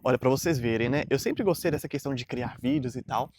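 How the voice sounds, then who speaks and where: A man's voice: mid-range voice, fast talker, darkish tone, a little hiss or hum. A man, talking casually and earnestly to camera in a rambling motivational vlog full of fillers. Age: 30s. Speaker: vlogger.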